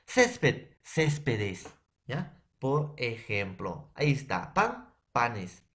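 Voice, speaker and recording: A man teaching a grammar lesson to a class, slow and repetitive, often checking in with his students. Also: medium pitch, huge pitch swings, a bit bright.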